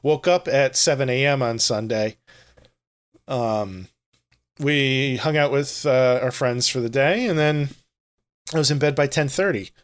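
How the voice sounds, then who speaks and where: A man's voice: mid-range voice, unhurried, smooth. A tired man co-hosting a gaming podcast, rambling casually with self-deprecating humor. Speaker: podcast co-host. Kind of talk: casual chat.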